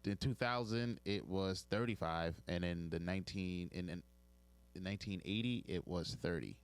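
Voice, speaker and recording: A man's voice: sits low, normal speed, smooth. A man co-hosting a podcast, sharing facts in a laid-back way. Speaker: podcast co-host. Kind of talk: casual podcast chat.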